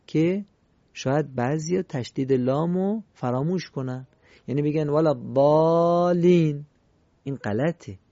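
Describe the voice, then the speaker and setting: A man teaching Quran recitation in a recorded lesson, explaining rules politely and chanting example words slowly and clearly. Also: a little high, dark tone, dry recording, lo-fi sound. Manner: polite, formal teaching phrases.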